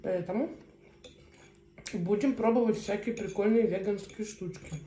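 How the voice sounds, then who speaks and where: A woman in her thirties chats casually to viewers as a mukbang vlogger, talking in short, unhurried phrases with pauses as she eats. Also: medium pitch, mellow. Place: small indoor room at a table. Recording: roomy echo, faint noise, cutlery clinks. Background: cutlery and dishes.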